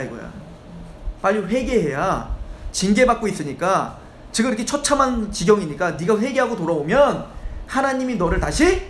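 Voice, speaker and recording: A man's voice: high-pitched, a little hiss or hum. A male pastor preaching an expository sermon in a church, switching between reading scripture and voicing characters in casual speech. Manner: animated preaching, voicing Bible characters in plain talk. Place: church sanctuary. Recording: echoey church hall, faint ambience.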